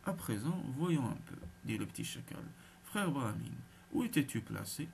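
A man's voice: medium pitch, big pitch swings, moderate pace, creaky, a little mellow, slight background noise. A man voicing a small sly male jackal who plays dumb and distracted. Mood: mock-confused. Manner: distracted, playfully obtuse.

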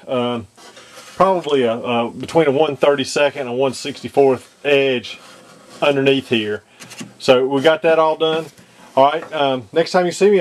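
A man talking through a model aircraft cockpit install at his workbench, off camera, pausing often with ums and restarts. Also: a little high. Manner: hesitant, many ums and restarts. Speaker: model kit maker demonstrating installation. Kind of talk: casual how-to demonstration.

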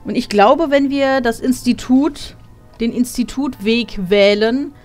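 A woman's voice: a little high, slow, a little mellow. Wry woman commenting on gameplay. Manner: sardonic, wry. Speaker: let's player. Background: game music.

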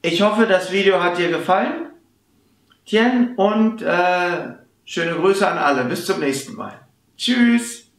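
Slow, lively teacher in echoey room. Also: male voice, sits high. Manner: slow, carefully enunciated, repeats model words. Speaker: German teacher. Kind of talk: slow pronunciation lesson.

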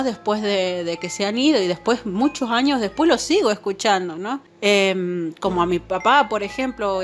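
A woman casually telling a personal paranormal story to her viewers, chatty and full of fillers and little "right?" tags. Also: medium pitch. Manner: chatty, filler-heavy, keeps asking "¿no?". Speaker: channel host.

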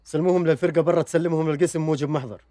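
A man's voice: fairly high pitch, fairly even intonation, mellow, dry recording, clean studio sound, lightly acted. A man playing a stern police officer. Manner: brisk, commanding. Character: stern male police officer barking orders. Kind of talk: comedy TV series acting. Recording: TV soundtrack with faint music.

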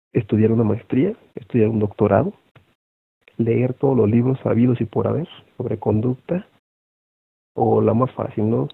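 In an online session for fellow teachers, a Mexican-accented man lectures in a casual way, filling his talk with fillers and tag questions. His medium-pitched voice carries vocal fry and a breathy edge. There's no room sound, and the audio is thin, as if over a phone.

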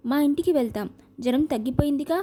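A woman's voice: high voice, fast talker, warm tone, lightly acted. A woman voicing a proud, restless young heroine in an audio novel, speaking in an insistent, pleading way.

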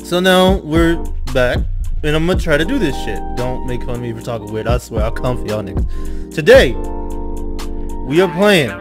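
A man's voice: mid-range voice, expressive, normal speed. A young man giving casual, profane gameplay commentary as a channel host, jittery and slangy, with slightly impeded speech. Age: young adult. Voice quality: slightly impeded speech after dental surgery. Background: game music.

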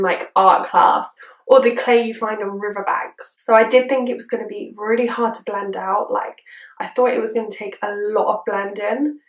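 A perky young woman vlogs about a beauty product, chatting to camera in a chirpy, casual style. Her voice is a little high, recorded on a distant mic. Roomy echo from the small indoor space surrounds her words.

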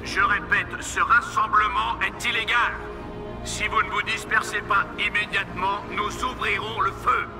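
A man's voice: high-pitched, little pitch movement, measured pace. An actor playing a stern male police officer issuing cold, commanding orders through a megaphone, with echo and music behind. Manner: cold, commanding, repeated ultimatums. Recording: echoey megaphone in open street, music behind.

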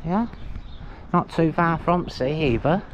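A man's voice: fairly high pitch, animated, slow pace. A middle-aged man giving casual, matter-of-fact commentary as he walks through an abandoned hotel. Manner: chatty, matter-of-fact, mild swearing. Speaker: urban explorer vlogger. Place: abandoned hotel and overgrown grounds, in and out of doors. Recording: lo-fi camera audio with background noise.

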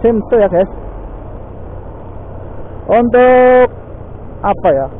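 With lively intonation and drawn-out words, a motovlog host chats while riding his motorbike on outdoor city streets, filling his talk with "ya" and "guys." His high voice sounds thin and phone-like, and faint traffic hums beneath it.

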